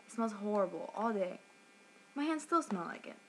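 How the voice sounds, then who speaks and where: A woman's voice: medium pitch, expressive, normal speed, very noisy. A young woman reviewing a product in an upset, sarcastic rant, swearing as she tells what happened, at home.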